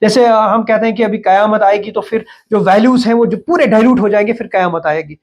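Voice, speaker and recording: A middle-aged man as the education expert guest in a podcast interview, talking in a thoughtful way with many pauses, fillers and restarts. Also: sits high, a little mellow.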